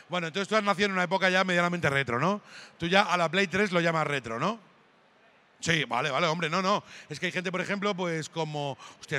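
A middle-aged man doing stand-up comedy at a live event, teasing the crowd and breaking into shouts. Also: high voice. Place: hall at a gaming event with live audience.

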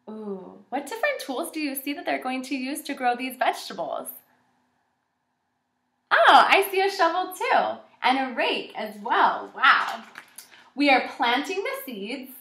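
A female kindergarten teacher in her twenties gives a children's read-aloud lesson in a small indoor room with shelves and a whiteboard. Her fairly high voice is forceful and bright, and she sounds encouraging and animated as she addresses young children. The room sounds echoey.

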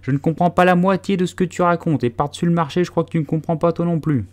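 A man's voice: fairly high pitch, fast talker, darkish tone, pitched above the performer's own voice, natural voice. A man voicing a blunt, impatient eaglet in a storybook reading.

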